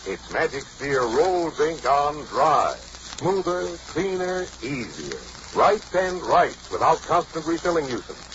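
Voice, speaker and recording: Guy doing old radio sponsor reads, kinda high voice, smooth and measured, muffled hissy old broadcast disc. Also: a bit bright. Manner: smooth, measured announcer delivery. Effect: old radio broadcast transcription disc. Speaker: announcer. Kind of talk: 1940s radio sponsor announcement.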